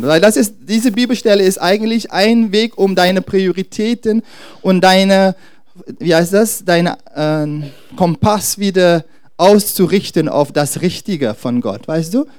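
A man's voice: sits high, darkish tone, smooth, no echo, studio quality. A man preaching a sermon to his congregation, often stopping to search for words and starting his sentences over. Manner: searches for words, halting restarts; speaks to the congregation directly. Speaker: pastor.

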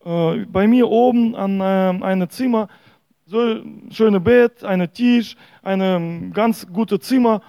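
A preacher voicing a distressed, pleading homeowner. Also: male voice, high voice, takes it slowly, gravelly, warm tone, dry recording, full character voice. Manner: pleading, urgent.

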